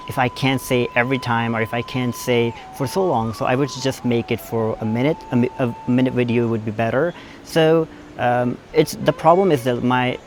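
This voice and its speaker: A young man speaks English in a self-made American-style accent, very slowly and carefully, halting over his words. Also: medium pitch.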